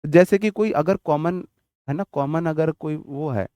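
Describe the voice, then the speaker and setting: A man's voice: on the high side, measured pace, warm tone, no room sound. A man teaching vocabulary for exam prep in a casual, jokey way, mixing in memory tricks and stories from his childhood. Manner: chatty, jokey, tells childhood anecdotes.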